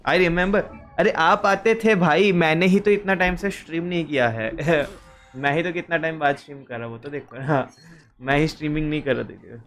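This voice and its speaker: A man's voice: fairly high pitch, moderate pace, a bit bright, faint music behind. A young man with an Indian accent streaming a game, chatting casually in a mix of Hindi and English and restarting his sentences a lot. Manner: mixes Hindi and English, rambling, restarts often. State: struggling to speak smoothly. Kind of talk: casual live-stream chat. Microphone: headset taken off.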